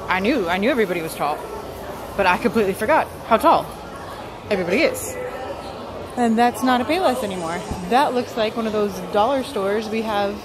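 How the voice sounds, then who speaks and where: A woman vlogging casually on a handheld phone, chatty and excitable, with self-deprecating asides. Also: fairly high pitch. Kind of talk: casual vlog narration. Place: busy stores, mall and church halls. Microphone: handheld phone camera. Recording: loud crowd and background noise. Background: crowd chatter and store noise.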